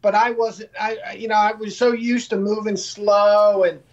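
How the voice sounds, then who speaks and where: Man, interview guest, high voice, halting, self-deprecating, muffled lo-fi sound. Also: level tone. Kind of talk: casual interview talk.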